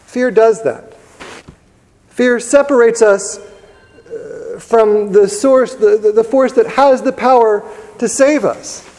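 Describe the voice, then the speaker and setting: A man preaching a sermon in a church, telling the story in a conversational way with pauses and repeated words. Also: very high voice, a little mellow. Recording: long reverb of a large church hall.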